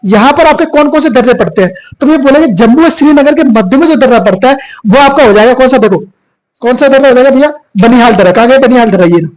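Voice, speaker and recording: A man teaching a classroom geography lesson, hoarse from a cough, repeating points and quizzing his students. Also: very high voice, lively intonation, quick pace, poor audio. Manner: repetitive, quizzing students with filler 'bhaiya'. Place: classroom with whiteboard.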